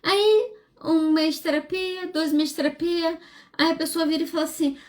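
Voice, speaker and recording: A woman, hosting a solo podcast as a psychologist, speaking frankly and animatedly with wide swings in pitch. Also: steady tone, moderate pace. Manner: frank and self-deprecating.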